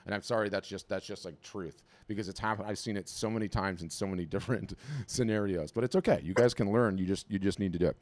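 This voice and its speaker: Man, very low voice, energetic, casual coaching talk, webinar host. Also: fast talker, hardly any pauses. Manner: energetic, animated, repeats words when starting a thought.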